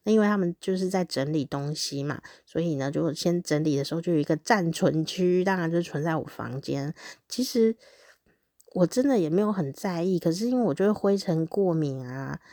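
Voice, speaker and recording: Woman, 30s, podcast diary reader; lowish voice, candid and animated, dry close sound. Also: fairly quick, no room sound. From Taiwan. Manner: animated and candid, with frequent laughs. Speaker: podcast host. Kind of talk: reading a personal diary aloud.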